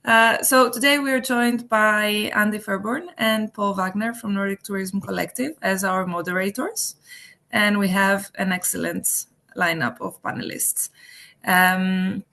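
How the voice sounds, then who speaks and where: A woman's voice: mid-range voice, steady tone, a little slow, vocal fry, sharp tone. A woman opening a webinar on a video call and giving housekeeping reminders, with frequent fillers. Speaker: webinar organizer.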